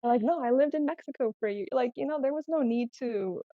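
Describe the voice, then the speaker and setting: On this podcast, a small business owner whose first language was Spanish shares personal stories in a casual, candid way. Her voice is high and she talks fast. The room sounds big and echoey, with a slightly dull tone.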